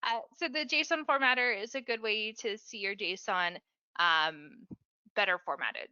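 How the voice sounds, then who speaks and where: A woman with a bright, forceful voice walks through technical steps in a relaxed, chatty way on a webinar. The sound is dry and a little dull, like video call audio. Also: medium pitch, no room sound. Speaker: support specialist. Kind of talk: casual webinar explanation.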